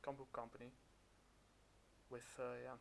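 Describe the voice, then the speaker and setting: A man talking through a face mask, hosting a casual reaction commentary in a halting, hesitant way. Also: mid-range voice, completely flat delivery, gravelly, a bit bright. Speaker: reaction video host. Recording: hissy, noisy recording.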